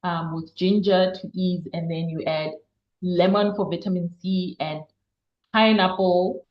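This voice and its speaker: A woman's voice: lowish voice, steady tone, measured pace, roomy sound, lo-fi sound. A woman giving health advice in a casual question-and-answer chat, explaining at length and repeating words for emphasis. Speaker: health guest expert.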